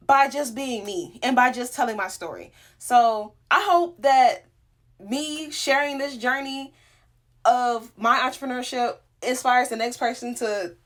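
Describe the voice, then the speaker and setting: A woman's voice: high voice, measured pace. A woman telling her story in a candid motivational vlog, emphatic and slangy, recorded on a phone in a small closet. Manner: animated, emphatic, slangy and informal. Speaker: vlogger and aspiring motivational speaker.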